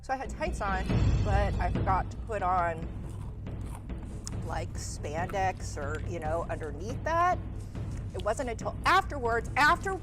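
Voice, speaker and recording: A woman, an arts teacher and former dancer, talking in a relaxed way with many fillers as an interview guest. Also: medium pitch, unhurried. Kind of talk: casual hot-sauce interview. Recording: live stream with music behind.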